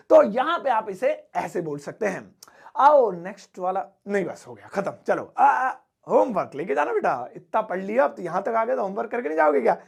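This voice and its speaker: A man with a high voice and a strongly gravelly, fry-heavy texture teaches English phrases. He keeps it playful and jokey, acting out scolding teachers and cheeky kids. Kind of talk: playful Hindi English lesson.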